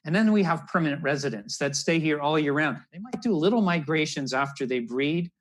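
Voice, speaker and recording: A man working as a naturalist and storyteller gives an educational talk for children over a video call from a room in his home. His voice is fairly high with lively intonation and a fairly quick pace, picked up through wired earbuds.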